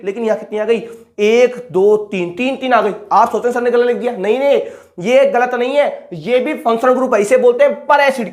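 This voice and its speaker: A male chemistry teacher giving an online lecture in casual Hindi. He asks a question, answers it himself, and repeats the key terms, slowing down to spell out each formula. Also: extremely high pitch. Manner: slows right down to spell out formulas.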